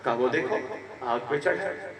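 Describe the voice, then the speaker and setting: A Pakistani cleric from Punjab preaching at a gathering, building to loud emphatic peaks and dropping low to tell a story. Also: male voice, lively intonation. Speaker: Shia cleric giving a majlis address. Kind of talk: sermon with storytelling. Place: outdoor or large gathering hall with a crowd. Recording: echoey PA sound from far off with crowd.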